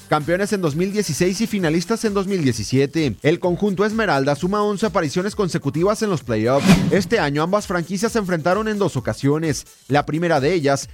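A man reading a scripted sports report as a radio reporter. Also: on the high side.

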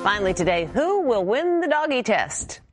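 An older woman anchoring a television news magazine, reading scripted stories with a lively newsreader delivery. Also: fairly high pitch, moderate pace, over loud music.

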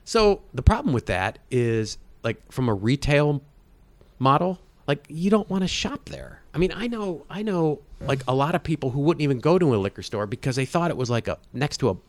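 A man's voice: mid-range voice, animated, normal speed. A man in his mid-fifties, a guest in a casual interview, rambling through explanations with many restarts. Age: 50s. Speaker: guest, state agency head.

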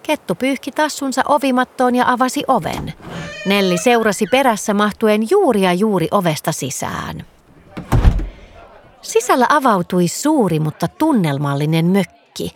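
A woman narrating a children's story in a gentle, expressive reading voice. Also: mid-range voice, a little hiss or hum.

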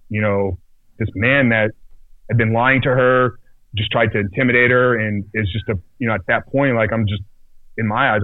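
A man telling a personal story as a podcast guest in a casual, halting way, full of restarts and fillers. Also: fairly low pitch, no echo. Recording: tinny phone-like dry sound.

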